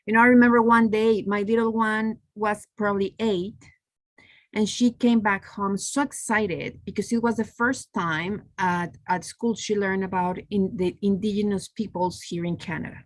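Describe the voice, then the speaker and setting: A woman from Mexico telling a personal story in a casual group discussion, lively when she quotes others. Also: mid-range voice, normal speed. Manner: storytelling, animated when quoting. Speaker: meetup participant.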